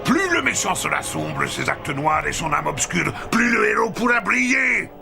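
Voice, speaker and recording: A man voicing an unhinged, pompous alien villain in a cartoon, declaiming theatrically with a gravelly voice. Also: high-pitched, sing-song, normal speed, music in the background, full character voice. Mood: pompous, lecturing. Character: unhinged, grandiose alien villain, theatrical self-proclaimed evil genius. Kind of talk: French cartoon voice acting.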